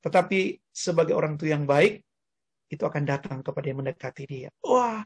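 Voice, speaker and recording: Gravelly older man preaching online. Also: on the high side, fairly quick. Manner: animated, calls congregation to repeat words. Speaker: pastor. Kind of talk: online sermon over video call.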